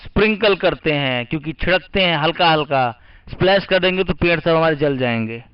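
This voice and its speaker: High-voiced man teaching English words. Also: fairly quick, clear, resonant tone. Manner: spells words letter by letter, asks and answers his own questions. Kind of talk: vocabulary lesson. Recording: muffled lo-fi recording.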